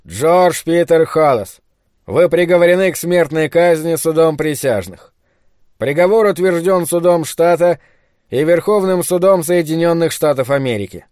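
A man reading an audiobook, voicing a prison director who reads out a sentence slowly and officially. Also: on the high side, a little mellow, no room sound, clean studio sound, pitched above the performer's own voice, natural voice. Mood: solemn. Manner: slow, solemn, official. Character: formal, stern male prison director.

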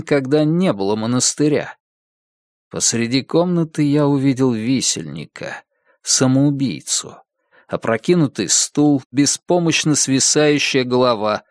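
A man reading a dark first-person story as an audiobook narrator, in a measured storytelling manner. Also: mid-range voice, no room sound, clean studio sound.

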